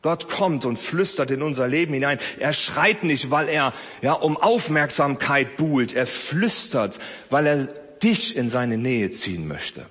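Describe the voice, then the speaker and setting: A man preaching a sermon, swinging between loud emphasis and soft, close speech. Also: mid-range voice, lively intonation, unhurried, husky, big-room sound. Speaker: pastor.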